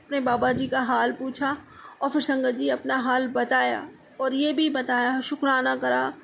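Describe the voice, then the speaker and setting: A woman's voice: sits high, little pitch movement, a little slow, gravelly, fairly bright tone, slight background noise. A middle-aged woman telling of her temple visit as a devotional testimony, often calling out to the listeners and repeating her thanks. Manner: repeatedly addresses the listeners as "sangat ji"; repeats words of thanks over and over. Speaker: devotee sharing a satsang experience. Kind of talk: devotional testimony, casual storytelling.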